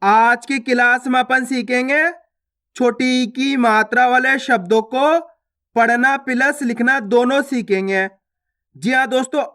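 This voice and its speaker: A man's voice: very high voice, pushed and bright. A male teacher giving a beginners' reading lesson, patiently drilling syllables and speaking to the viewers as friends.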